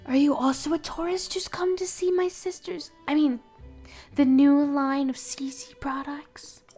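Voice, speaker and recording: A woman's voice: sits high, fairly even intonation, unhurried, darkish tone, faint music behind, pitched above the performer's own voice. A woman doing a gracious young shop hostess. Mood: courteous. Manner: sweet, apologetic and courteous. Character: gracious young woman guarding a fashion exhibit.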